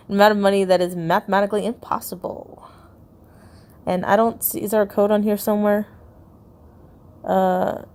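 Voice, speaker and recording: A woman giving casual, giggly commentary while browsing a video game's hidden files. She reacts out loud and stumbles as she reads. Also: medium pitch. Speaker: video game YouTuber.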